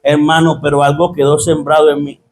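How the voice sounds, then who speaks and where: A man's voice: on the high side, little pitch movement, a little fast, soft background music. A Colombian pastor with a Santander accent, a man giving his testimony in church with fervent preaching, keeps calling his listeners brother. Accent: Santander Colombian Spanish. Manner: fervent preaching, often breaks into shouting. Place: church with a congregation.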